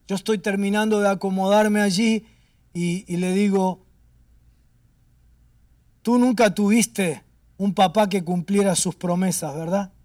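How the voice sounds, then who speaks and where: A man preaching a storytelling sermon, now raising his voice, now dropping to a hush. He sits some way off from the mic, in a dry room with little echo. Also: high voice, steady tone, a little slow, pauses often, far from the mic. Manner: emphatic, swinging between raised and hushed delivery. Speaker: pastor.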